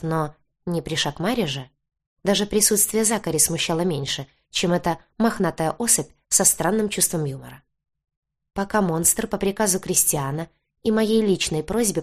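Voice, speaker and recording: A woman's voice: lowish voice, darkish tone. A woman narrating a first-person fantasy audiobook, lightly voicing the characters' quoted lines.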